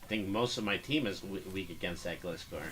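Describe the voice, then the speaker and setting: Deep-voiced and brisk, this gamer talks through a playthrough in a low-key, offhand way, partly to himself. He also reads the game's dialogue aloud.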